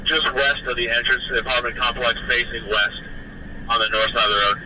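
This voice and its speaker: A man's voice: mid-range voice, flat delivery, a little fast, sharp tone, a little hiss or hum, rough recording. A man, a police officer, calling in over a police radio transmission in a terse, procedural, matter-of-fact way. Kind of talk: clipped radio call.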